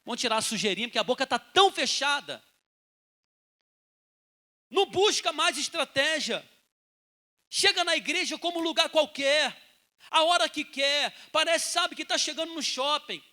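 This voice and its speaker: Brazilian pastor guy preaching hard, really high voice, goes loud then drops to a hush. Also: lively intonation, moderate pace, pauses often. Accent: Brazilian Portuguese. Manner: impassioned preaching, swinging between loud urging and hushed quotes. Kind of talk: sermon.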